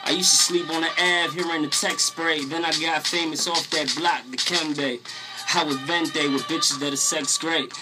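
Over a loud hip-hop beat in a small radio studio, a young guest rapper from Harlem, New York, freestyles into a close boom mic. His fairly high voice keeps an even intonation at a moderate pace, delivered in a brash, boastful, streetwise style.

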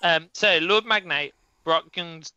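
Bright sharp guy teasing his mate on a podcast, slightly higher voice. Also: smooth, dry recording, highs cut off. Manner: teasing, quick and dry. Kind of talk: casual podcast chat.

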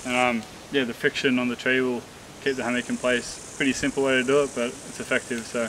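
Young Australian bloke, casual vlogger, tired and relaxed, camera a few metres off, hissy outdoor audio with insects. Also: male voice, mid-range voice, fast talker. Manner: relaxed, rambling, many fillers and restarts. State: tired after a hot hike. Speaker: bushcraft vlogger. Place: outdoors in the bush by rocks. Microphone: camera on a tripod a few metres away.

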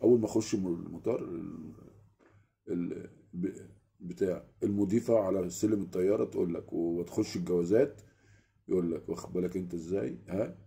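Egyptian man, low gravelly voice, rapid casual storyteller, animated. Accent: Egyptian Arabic. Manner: animated, keeps asking the listener "you get it?". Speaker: vlogger. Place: small room at home.

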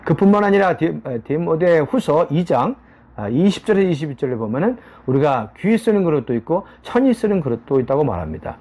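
A man teaching a daily Bible study in an earnest preaching manner, often pausing on a drawn-out "ah". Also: fairly high pitch, very animated, darkish tone.

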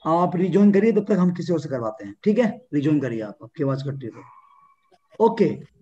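A man's voice: fairly high pitch, big pitch swings, moderate pace, mellow. A man acting as a theatre mentor, directing students through an online class. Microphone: video call. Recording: dull lo-fi online call audio.

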